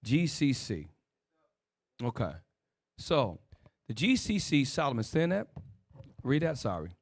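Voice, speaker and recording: A man's voice: medium pitch, big pitch swings, a little slow. A man leads a religious teaching session, firing rhetorical questions and short commands to an assistant. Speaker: religious teacher leading a discussion.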